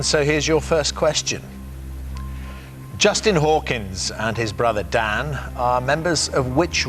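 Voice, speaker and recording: A male game show host in a TV studio, reading out multiple-choice questions at a brisk clip. He keeps things lively and drops in the odd "uh" as he chats with the players. His voice sits at an ordinary mid pitch. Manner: brisk, upbeat, with frequent "uh" fillers. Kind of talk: television quiz hosting. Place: television studio.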